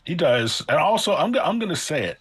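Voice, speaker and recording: A man with a husky voice whose pitch moves in a lively way. He gives earnest, firm opinions on a casual stream. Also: brisk. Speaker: guest author. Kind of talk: casual live-stream chat.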